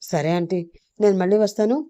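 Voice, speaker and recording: A woman's voice: medium pitch, fairly even intonation, brisk, mellow, no echo, lightly acted. A woman voicing a polite, cheerful young working woman in a lightly raised voice.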